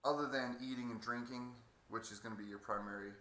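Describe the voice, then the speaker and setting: A man giving a halting, hesitant casual video update with a sore throat two days after surgery. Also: medium pitch, fairly even intonation, sharp tone. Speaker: patient vlogger. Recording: echoey room, faint background noise.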